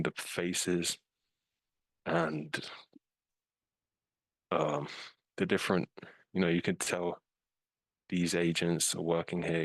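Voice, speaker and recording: A British man with a low voice, recorded without echo, is a scam investigator casually walking through a case with slides in a video-call webinar. His manner is informal and loose, full of fillers like "um" and "like".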